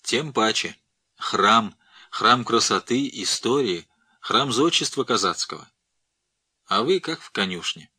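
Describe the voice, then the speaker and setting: A man's voice: lively intonation, a little slow, sharp tone, husky, full character voice. A man voicing a fearless gray-mustached old professor who speaks in a powerful, commanding voice. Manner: booming, commanding, scolding.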